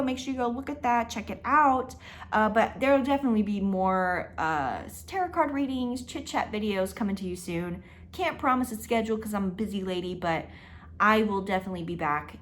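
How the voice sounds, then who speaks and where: A woman's voice: mid-range voice, slight background noise. A woman in her twenties chatting casually to camera in her apartment, talking emphatically and laughing often. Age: 20s. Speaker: vlogger. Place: her own apartment, indoors.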